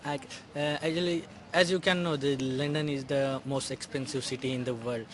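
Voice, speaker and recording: A man's voice: mid-range voice, steady tone, moderate pace, a bit bright. A man from India answers street interview questions in English. He talks hesitantly and keeps restarting his sentences, with faint city noise around him outdoors. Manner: hesitant, many fillers and restarts.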